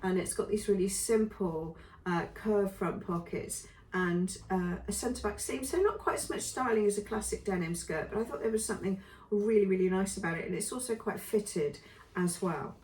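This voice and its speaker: A woman reviewing sewing patterns in a chatty, casual way with lots of ums, her voice going hoarse. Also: mid-range voice, moderate pace, a little mellow, echoey room, recorded from a distance. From England. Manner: chatty, many ums and trailing lists. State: losing her voice. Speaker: sewing vlogger.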